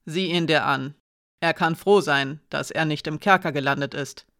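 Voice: mid-range voice, normal speed, no room sound, studio quality, natural voice. A narrator voicing a proud woman guard who speaks sharply and with menace, in an audiobook. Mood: stern. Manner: sharp, hard, threatening.

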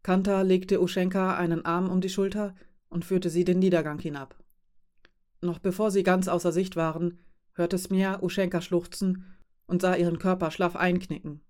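A woman narrating a fantasy story as an audiobook reader, in an even, measured way. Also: on the low side.

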